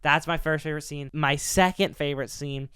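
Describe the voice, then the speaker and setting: A young man co-hosting a casual chat, talking in an excited, chatty way and filling his talk with "like". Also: a little high, fairly quick, clean tone, no echo, studio quality. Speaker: co-host.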